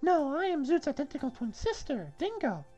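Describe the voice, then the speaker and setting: A woman's voice: high voice, big pitch swings, normal speed, warm tone, dull audio, soft background music. Woman playing a gushing, flirtatious castle maiden, Zoot. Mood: scolding. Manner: theatrical, gushing, insistent. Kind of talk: comic script read-through.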